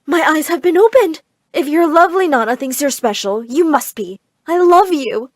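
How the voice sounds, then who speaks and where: A woman's voice: fairly high pitch, lively intonation, brisk, no echo, clean studio sound. A woman voicing a middle-aged mother who dotes on her daughter and screeches bossy, melodramatic demands. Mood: gushing. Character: shrill doting overbearing mother, middle-aged.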